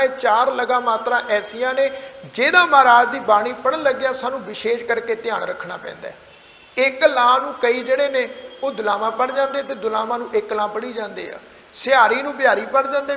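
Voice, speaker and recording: A man with a Punjabi accent teaching scripture pronunciation, patiently repeating each phrase slowly and often asking whether his listeners understand. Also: extremely high pitch. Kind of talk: recorded pronunciation lesson. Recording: echoey room, dull lo-fi sound.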